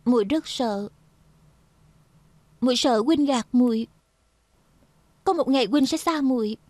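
A high, playful young heroine. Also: female voice, a little slow, a little mellow, no echo. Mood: tender. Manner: teasing, pleading. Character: playful clever young woman. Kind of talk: dubbed TV drama.

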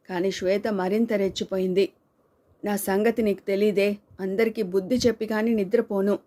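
A woman's voice: medium pitch, darkish tone. A woman reading a novel aloud as audiobook narration, shifting her voice slightly for the characters' dialogue. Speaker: storyteller.

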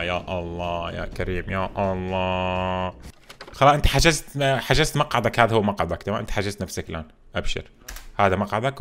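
A man hosting a gameplay video, commenting in an animated, jokey way and exclaiming often. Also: fairly low pitch, slight background noise. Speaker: gaming video host.

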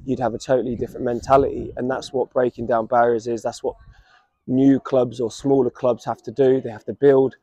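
Brief: English male football manager in his thirties, post-match, even flat delivery, dark tone, outdoor pitchside. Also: no echo. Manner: reflective, measured, many restarts. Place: outdoors by a stadium running track. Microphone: camera at standing distance.

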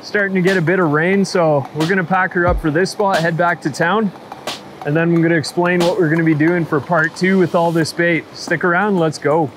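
A man, chatting excitedly to viewers while fishing on a riverbank, recorded on a head-mounted action camera. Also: a little high, a little fast, noisy background. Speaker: fishing vlogger. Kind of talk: casual fishing vlog commentary. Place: outdoors on a riverbank and lakeshore.

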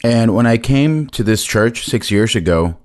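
A man interpreting a testimony live in a church hall, measured and plain, holding a handheld mic. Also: medium pitch, animated, darkish tone.

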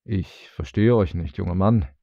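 A man reading a storybook, voicing a stooped old village man who asks his questions slowly and with measured wonder. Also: low voice, dry recording, dull audio. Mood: puzzled.

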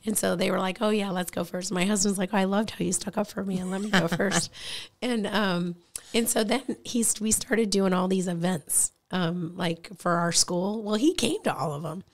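A woman in her forties, a guest in a radio studio, telling a story in a chatty, animated way with many fillers. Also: medium pitch, normal speed. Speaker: guest, insurance agency owner. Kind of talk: casual storytelling interview.

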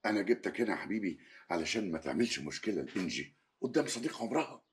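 An actor playing a fussy newspaper editor in a sitcom, speaking with an Egyptian accent in a quick, exasperated, scolding way. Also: male voice, low voice, big pitch swings. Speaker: editor-in-chief.

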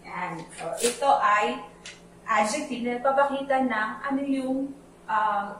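A Filipino woman leads a children's Sunday school lesson, patiently explaining a Bible verse in a mix of Tagalog and English and singing its lines to teach the melody. Her voice is slightly high and fairly bright, her pace measured, with a little hiss or hum. The recording is echoey and distant, with faint music behind her.

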